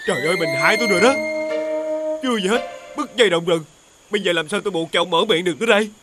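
Ghost husband played by a guy, talks super fast, southern vietnamese accent, worked up and urgent, music behind. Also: sits high, natural voice. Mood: exasperated. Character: ghost husband, anxious young man. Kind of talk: TV fairy-tale drama acting.

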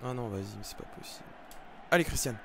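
A young man giving live commentary over his football video game, with excitable, frustrated outbursts about his bad luck. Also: medium pitch, fast, creaky, noisy background. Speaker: gaming YouTuber. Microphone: desk microphone.

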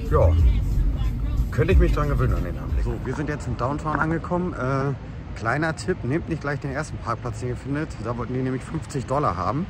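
A young man chatting casually and upbeat as a travel vlogger, talking to a handheld camera outdoors. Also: fairly low pitch. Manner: chatty and upbeat, filler-heavy. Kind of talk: casual travel vlog narration. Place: outdoors in streets, beaches and car. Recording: loud outdoor street noise.

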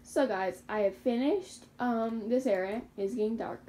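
Loud music plays behind a young woman's fairly high voice as she talks at a measured pace, and the recording quality is low. A gaming YouTuber, she casually commentates her own Minecraft survival game, rambling, catching her slips and laughing at herself.

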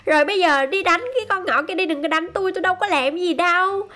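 A woman giving excited, chatty game commentary to her viewers. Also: very high-pitched, quick pace. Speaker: gaming YouTuber.

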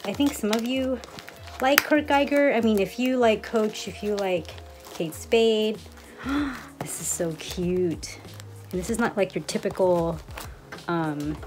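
A woman in her thirties chatting casually to camera as she presents an unboxing vlog. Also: mid-range voice. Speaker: unboxing vlogger. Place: small room indoors. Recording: music and crinkling packaging behind voice. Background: music, crinkling packaging.

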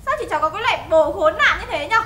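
A woman's voice: lively intonation, very fast, bright, forceful tone, slight background noise, full character voice. An actress playing a frightened young woman who pleads for help. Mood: indignant. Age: young adult. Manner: shrill, pleading. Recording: echoey room, music behind.

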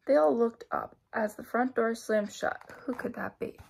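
Female storybook reader, expressive, gravelly texture. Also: a little high, moderate pace, a little hiss or hum. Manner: expressive, with sound-effect words. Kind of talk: children's read-aloud narration.

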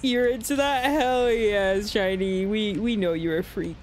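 A woman's voice: mid-range voice, a little slow, a little hiss or hum. A woman streaming a game live, giggling and teasing her chat in casual banter.

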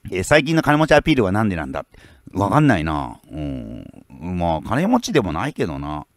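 A low-voiced man rants at his commenters in a blunt, scolding way. His pitch swings widely as he rambles between fillers. The sound is close and dry. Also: wildly swooping pitch, brisk, no echo. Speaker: fishing YouTuber. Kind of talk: casual rant reading out viewer comments.

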